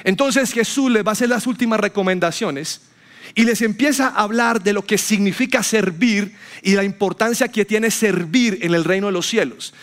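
A man's voice: high voice, normal speed, a bit bright. A man preaching a sermon to a church congregation, telling stories and acting out the people he quotes. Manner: storytelling, acts out quotes with rising voice. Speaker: pastor.

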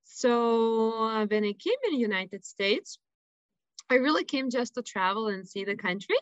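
A woman with a Lithuanian accent tells her own story as a radio guest, earnest and halting, pausing on fillers. Her voice comes through a slightly dull, dry line. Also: a little high, expressive, dry recording. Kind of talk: personal storytelling interview.

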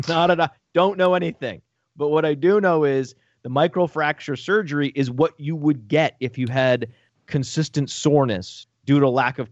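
A man talking fantasy football on a casual sports podcast, excitable and joking, with profane rapid asides. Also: medium pitch, dry recording. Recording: dull lo-fi dry audio.

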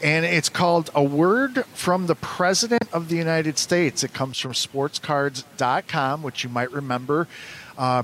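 A man hosting a trading card box-opening show, presenting products and chatting casually. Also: fairly bright tone. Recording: noisy, with low rumble.

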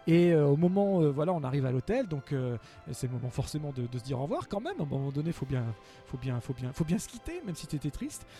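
Fast-talking man, mellow voice. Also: on the high side, big pitch swings, soft background music. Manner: rambling, many fillers and restarts. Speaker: podcast host. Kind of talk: casual storytelling chat.

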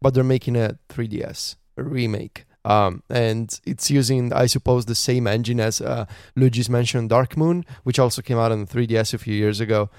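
A man's voice: medium pitch, steady tone, a little mellow, clear, resonant tone, no room sound, studio quality. A man co-hosting a podcast, chatting casually with lots of "like" and "uh". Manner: chatty, lots of "like" and "uh", quick to laugh. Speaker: podcast co-host. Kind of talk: casual chat.

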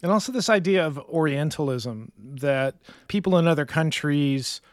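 A male podcast host asks questions in a friendly, joking way and often restarts his sentences. His voice sits a little higher than most men's. The recording is dry and close. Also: normal speed, dry recording. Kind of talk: casual interviewing.

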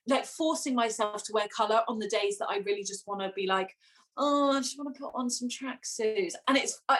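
A woman's voice: medium pitch, fairly bright tone. A young woman in casual chat, laughing often and acting out what people said to her. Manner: chatty, laughs often, acts out quotes. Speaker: podcast guest.

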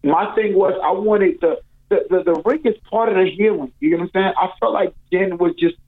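A man's voice: high voice, brisk. Man talking over a tinny phone line. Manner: loose, repetitive, says "you know what I'm saying" often. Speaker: guest calling in. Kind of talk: casual interview chat. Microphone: telephone.

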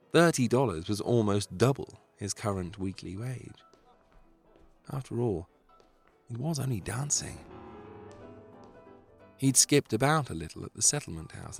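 A man narrating a true story in a measured, dramatic storytelling style. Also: on the low side, creaky, breathy edge.

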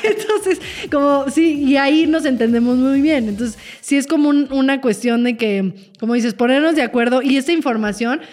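A woman's voice: high voice, normal speed, darkish tone. A woman, hosting a podcast and chatting casually as a mother, acting out family dialogue with many fillers. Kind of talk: casual chat.

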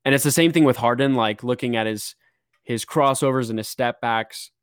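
A man hosting a casual sports podcast, talking excitedly and joking as he breaks down the games. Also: mid-range voice, smooth, no echo, studio quality. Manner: excitable, quick to joke. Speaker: podcast host.

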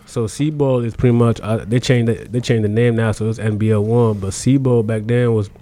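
A man's voice: medium pitch, fairly even intonation, moderate pace, warm tone. A young man from South Sudan, raised in Australia, talking casually as a basketball player guest in a laid-back, slangy way. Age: young adult. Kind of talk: casual interview.

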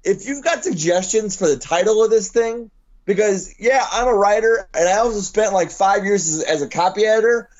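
A man with a gravelly, hoarse, sleep-deprived smoker's voice in casual, self-deprecating sports talk. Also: high voice, a little mellow, muffled recording. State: hoarse, worn out from lack of sleep. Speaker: sports writer and podcast panelist.

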